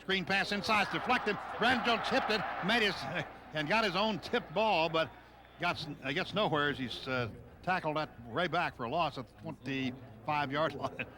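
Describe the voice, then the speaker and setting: Over the din of an outdoor stadium, a radio play-by-play man describes a football game in short, clipped bursts, growing excitable when big plays happen. He speaks at a moderate pace in a fairly high voice.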